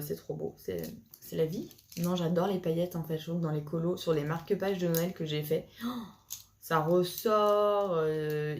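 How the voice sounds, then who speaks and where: Chatty woman with a lowish voice. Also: a little mellow, a little hiss or hum. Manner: hesitant, many fillers and restarts, chatty. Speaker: vlogger showing a haul of coloring supplies. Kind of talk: casual chat to camera.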